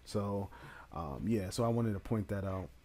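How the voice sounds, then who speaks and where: A young man with a voice on the low side speaks at normal speed, talking casually to camera. He reviews a certification exam in a relaxed, chatty way, using lots of fillers.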